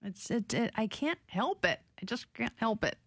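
A woman in her sixties co-hosting a radio talk show, good-humored and quick to laugh in casual banter. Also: fairly high pitch, very animated, vocal fry, no echo, clean studio sound. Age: 60s. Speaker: radio co-host.

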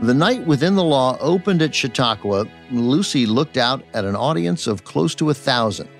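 A man's voice: medium pitch, lively intonation, moderate pace. A man hosting and narrating a scripted audio documentary. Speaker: podcast host and narrator. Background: faint music.

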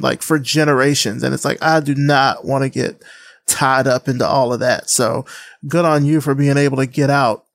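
A man hosts the conversation, easygoing and full of hedges and fillers. His voice sits a little high for a man. The sound is dry and close. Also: dry recording. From Alabama, USA. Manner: relaxed, hedging, many fillers. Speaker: podcast host. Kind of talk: casual interview conversation.

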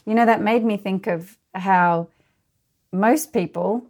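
A woman co-hosting a spiritual conversation, gentle and affirming as she responds. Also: mid-range voice, slow pace. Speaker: podcast co-host.

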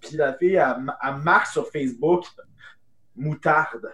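A young man with a Québécois French accent telling an animated anecdote in casual chat, dropping to hushed tones for the punchlines. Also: a little high, normal speed, roomy sound. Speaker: improv guest. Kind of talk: casual storytelling.

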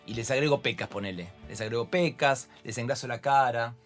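A man with an Argentine accent, a fashion photographer being interviewed, telling lively anecdotes and acting out voices. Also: mid-range voice, brisk, soft background music. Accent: Argentine Spanish. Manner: expressive storyteller, acts out voices. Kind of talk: animated anecdotal chat.

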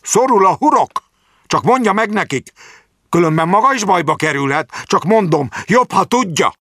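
A furious old man who rants and accuses, wheezing for breath between his raised outbursts, as a male reader puts him on. His voice climbs far above the reader's own, loud and sharp, with a dry, close sound. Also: fairly high pitch, very animated, dry recording, voice pushed up. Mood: threatening. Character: fat, paranoid, hateful old man with a cane.

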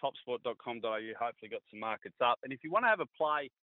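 A man's voice: mid-range voice, lively intonation, very fast, dry recording. A man with an Australian accent chatting casually about sport as a pundit, in a blokey, laid-back, matey way full of slang. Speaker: sports pundit and former player. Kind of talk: casual radio sports chat. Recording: tinny phone line.

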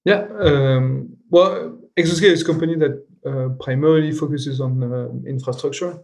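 A man's voice: a little high, moderate pace, creaky, darkish tone. A man, a guest and co-founder, talking in a hesitant podcast chat full of fillers. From Switzerland. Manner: hesitant, many fillers, laughs easily. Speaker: guest, cloud company co-founder. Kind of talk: casual podcast conversation.

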